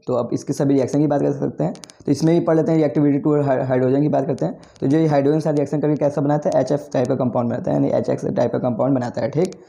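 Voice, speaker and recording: Male tutor, quick and gravelly, dark tone, repeats himself and corrects slips. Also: mid-range voice. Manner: repetitive, self-correcting explanation with frequent 'theek' and 'okay'. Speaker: chemistry tutor. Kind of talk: exam-prep lecture.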